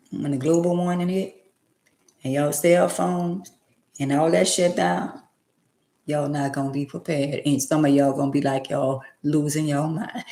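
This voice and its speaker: A woman's voice: sits low, mellow, roomy sound. A woman around sixty, talking emphatically and repetitively in a preachy, casual way on her livestream. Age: 60s. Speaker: livestream host.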